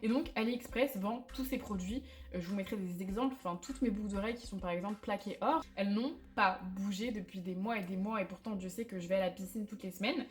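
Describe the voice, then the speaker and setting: A woman's voice: mid-range voice, fast talker, hardly any pauses. Chatty French-speaking woman vlogger. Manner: chatty, candid, self-mocking, many fillers. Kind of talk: casual chat to camera. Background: faint background music.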